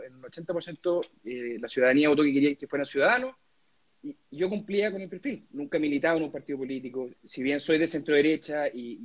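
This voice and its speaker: A young Chilean man with a high, slightly husky voice answers interview questions in earnest, often stumbling and repeating words as he builds his point. The recording sounds dull and lo-fi. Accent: Chilean Spanish. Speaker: lawyer and constituent assembly candidate being interviewed.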